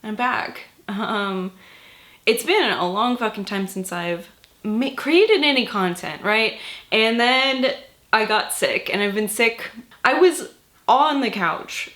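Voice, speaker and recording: Woman, sick husky voice, casual book chat, loose and sweary, lots of ums. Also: medium pitch, animated, slow pace, fairly bright tone. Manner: casual, swears a lot, many fillers. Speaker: book vlogger. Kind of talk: casual monthly reading wrap-up.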